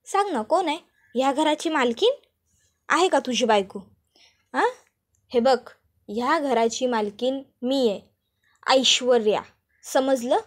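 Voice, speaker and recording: A woman's voice: sits high, a little slow, long pauses. A woman voicing an arrogant, scheming young wife who taunts and orders the family around. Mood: gloating, bossy. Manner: taunting, commanding, shouting insults.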